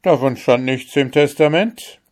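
A man's voice: mid-range voice, a little slow, voice pushed up, natural voice. A man voicing a clever young prince in a fairy tale, confident and matter-of-fact.

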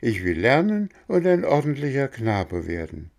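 A man's voice: medium pitch, sing-song, moderate pace, vocal fry, a little mellow, voice pushed up. A man voicing a wooden puppet boy who protests earnestly.

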